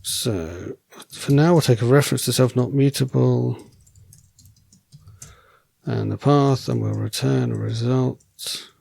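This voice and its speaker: A programming tutor thinks aloud as he writes code, relaxed and wry, correcting himself along the way. His mid-range voice is slow, gravelly, and husky, and he's losing it.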